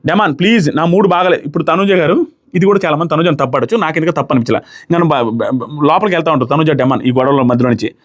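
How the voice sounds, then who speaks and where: Young guy rattling off a show recap, fast and a bit high, acts out the quotes. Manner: fast animated retelling, acting out quotes. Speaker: reality show reviewer. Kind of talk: casual commentary.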